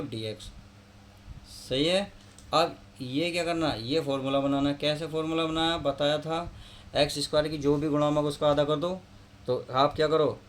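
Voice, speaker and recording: Man teaching math step by step, faint background noise. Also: fairly high pitch. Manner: explains step by step, asks students questions. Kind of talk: classroom lesson.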